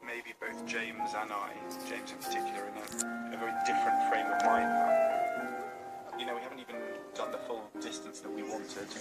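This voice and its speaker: A man with a fairly low voice speaks candidly, as in a documentary interview. He sounds like an expedition member giving an account, and loud music plays behind him. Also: low-quality recording.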